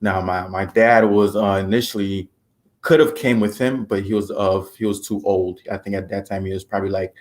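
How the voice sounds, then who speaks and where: A man in his twenties from Haiti, speaking as an interview guest. His voice sits fairly low, and he talks in a relaxed, easygoing way, chuckling now and then and filling pauses with plenty of ums. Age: 20s. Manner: relaxed, chuckling, with many fillers. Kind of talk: casual interview.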